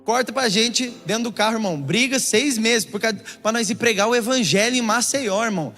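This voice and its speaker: A young Brazilian pastor preaching, telling a funny story in an animated way and often calling the listener brother. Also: male voice, very high-pitched, brisk. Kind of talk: sermon with comic storytelling. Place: church auditorium. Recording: long church reverb with soft music.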